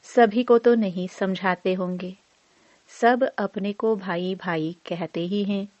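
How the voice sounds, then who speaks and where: A woman reading a devotional discourse aloud in a slow, measured recitation. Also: mid-range voice, fairly even intonation, a little mellow, no room sound. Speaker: murli reader. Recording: dry, dull lo-fi voice recording.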